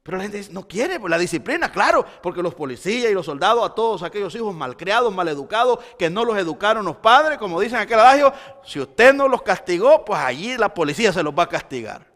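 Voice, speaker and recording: Pastor guy preaching hard, high bright voice, big church echo. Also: sing-song, fast talker, few pauses. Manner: impassioned preaching, swinging between loud emphasis and quiet intensity. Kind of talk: sermon. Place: church sanctuary. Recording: long church hall reverb.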